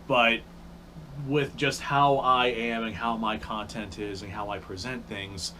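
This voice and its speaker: A man's voice: mid-range voice, level tone, a little slow, bright, forceful tone, a little hiss or hum. A man talking casually to camera, with upspeak that rises at line ends and rambling restarts, with the hiccups. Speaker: YouTube creator.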